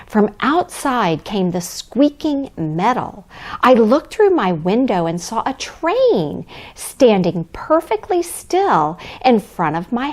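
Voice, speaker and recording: A woman plays Santa's kindly wife as a storybook narrator for young children. The delivery is gentle and cheerful, taken at a leisurely pace. The melody rises and falls with plenty of expression. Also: medium pitch. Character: Mrs. Claus, kindly cheerful Christmas storyteller. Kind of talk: children's storybook read-aloud.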